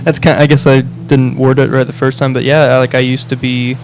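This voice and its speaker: Speaking briskly in a level, medium-pitched tone, a young Midwestern man reflects in a relaxed way, hesitating and restarting often amid frequent laughter. There's a slight hiss or hum, and music plays underneath.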